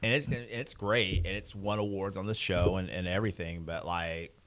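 A man's voice: sits low, steady tone, moderate pace, fairly bright tone. A man co-hosting a podcast, chatting casually and enthusiastically, rambling with fillers and laughs. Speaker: podcast co-host. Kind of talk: casual chat.

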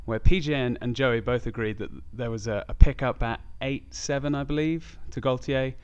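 Male podcast host with a medium-pitched voice. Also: normal speed, a little mellow, clear, resonant tone, lo-fi sound. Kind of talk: casual sports discussion.

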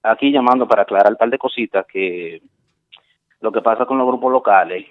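A deep-voiced man calls in to a radio show and explains his advice on air, speaking a little fast in a lowish register. He is earnest and explanatory, repeating words and mixing in English phrases, all heard over a tinny phone line.

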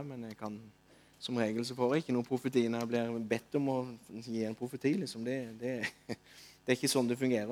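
A man preaching a sermon, telling stories in a lively way that rises to loud calls and drops to soft asides. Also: medium pitch. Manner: animated, rising to loud calls when retelling. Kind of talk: sermon with storytelling.

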